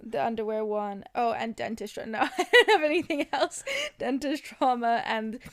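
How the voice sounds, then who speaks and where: A woman with a fairly high voice that has a gravelly vocal fry co-hosts a podcast. She chats casually in an easygoing, giggly way. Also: normal speed. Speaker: podcast co-host. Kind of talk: casual chat.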